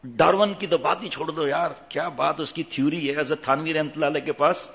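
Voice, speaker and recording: A man's voice: on the high side, steady tone, vocal fry, fairly bright tone. A man delivering an Islamic sermon, chatting with his audience, asking them questions and acting out the people in his stories. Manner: conversational, asks the audience questions, acts out the voices in his stories. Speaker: Islamic preacher. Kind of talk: sermon with anecdotes. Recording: dull, long hall reverb.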